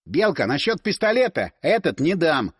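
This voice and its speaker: A laid-back young man who lectures in a know-it-all way, voiced by a male narrator. It stays close to the reader's own voice, lively and animated, with a dry, close sound. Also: on the high side, moderate pace, slightly rough, dry recording. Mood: lecturing.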